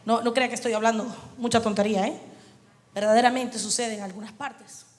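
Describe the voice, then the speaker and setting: A woman preaching a sermon. She reads and explains scripture, asks the congregation questions and rises to shouts at points of emphasis. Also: a little high, steady tone, a little fast. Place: church sanctuary. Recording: church hall reverb.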